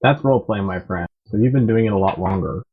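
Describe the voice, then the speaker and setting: A man's voice: on the low side, fast talker, breathy edge. A man on a podcast panel chatting casually with a wry, lecturing tone. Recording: tinny phone-like voice chat.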